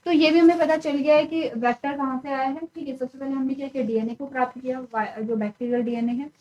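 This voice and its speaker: High-voiced woman biology teacher. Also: steady tone, quick pace, a little mellow, low-quality recording. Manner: explains step by step, asks questions then answers them, frequent "ठीक है" check-ins. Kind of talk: virtual classroom lecture. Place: studio classroom.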